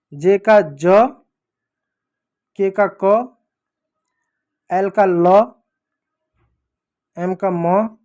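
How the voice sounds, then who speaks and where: A man's voice: high-pitched, a little mellow. A man teaching children English phonics in a classroom lesson, patiently repeating sounds and asking questions that he then answers himself.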